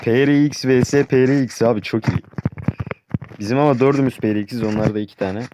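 A young man with a sore throat giving excitable, casual live commentary on his gameplay, calling out his teammates. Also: medium pitch, a little fast. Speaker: gaming channel host. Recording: loud background noise with clicks.

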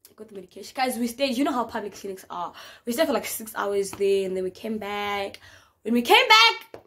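A young South African woman telling a story to her viewers in a chatty, expressive way. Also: mid-range voice, fast, a little hiss or hum. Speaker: vlogger. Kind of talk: casual storytime chat.

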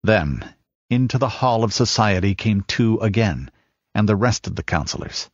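A man reading a dark fantasy tale as audiobook narrator, measured and dramatic, rising as the battle scenes build. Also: fairly low pitch, expressive, no room sound. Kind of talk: scripted narration. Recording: dull lo-fi audiobook recording.

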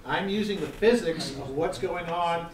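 Middle-aged man, instructor, a bit higher-pitched than most, quizzes listeners and hammers points home; echoey room, distant mic. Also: measured pace, crowd noise. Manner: quizzing the audience, emphatic repetition. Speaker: gliding safety instructor. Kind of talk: interactive seminar lecture. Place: seminar room.

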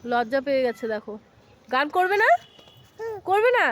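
A woman from with a sore, hoarse throat, vlogging casually to her viewers and coaxing children with repeated calls. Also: high-pitched, big pitch swings, moderate pace, fairly bright tone. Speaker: family vlogger. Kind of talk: casual vlog narration to viewers.

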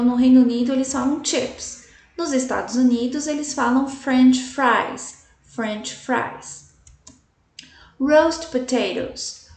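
A woman's voice: high voice, a little mellow. A woman teaching English vocabulary to Portuguese speakers, enunciating each word carefully and checking in with her students often. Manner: slow, careful enunciation with repeated examples. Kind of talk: slide-based language lesson. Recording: echoey room, voice from a distance.

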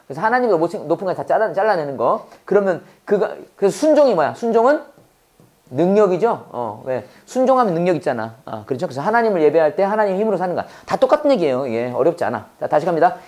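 A woman with a Korean accent teaching English at a church school, drilling phrases call-and-response and explaining quickly in Korean. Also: lowish voice, a little mellow. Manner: drills words by repetition, prompting the class to repeat; switches fast between slow English and rapid Korean explanation.

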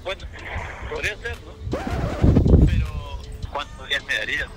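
Incredulous young man over loud music. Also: a little high, huge pitch swings, unhurried, poor audio. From Peru. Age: young adult. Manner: incredulous, defensive, blunt. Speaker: prank target boyfriend. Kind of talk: street prank conversation. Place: outdoor park. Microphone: handheld mic.

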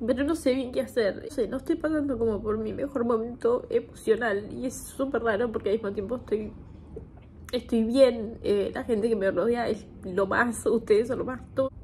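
A woman's voice: fairly high pitch, darkish tone. A woman in her twenties talking candidly to camera, hesitant and emotional, on the verge of crying. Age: 20s. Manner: hesitant, emotional, with nervous little laughs. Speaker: video creator. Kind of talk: candid confessional chat to camera. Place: home kitchen, indoors. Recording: noisy home kitchen recording.

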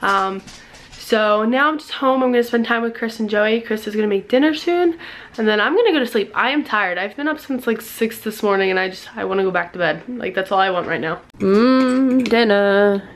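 Casting: young woman vlogger, mid-pitched, loose and rambly everyday chat. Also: brisk, a bit bright, low-quality recording. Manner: chatty, rambling with many fillers. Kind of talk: casual vlog chat.

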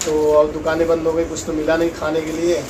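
A man in his thirties telling his family's day at home, in a relaxed and plain way. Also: a little high, fairly quick, distant mic, noisy background. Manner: plain, relaxed storytelling, coaxing with children. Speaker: husband, father. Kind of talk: casual conversation. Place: home, indoors.

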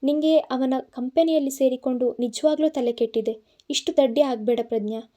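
A woman's voice: high voice, moderate pace, mellow, natural voice. A woman reading the part of an angry, protective young man in an audiobook, scolding and insistent. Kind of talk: audiobook narration.

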